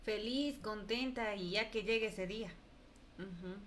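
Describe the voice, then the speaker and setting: A woman's voice: medium pitch, unhurried, a bit bright. A woman host, asking a guest questions in a conversational way. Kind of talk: interview questions.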